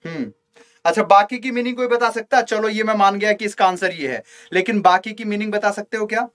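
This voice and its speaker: A man teaching English vocabulary in a live online exam-prep lesson, coaxing viewers to comment and chanting memory tricks in a slow singsong. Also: high-pitched, fairly bright tone. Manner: addresses viewers as children, asks for comments.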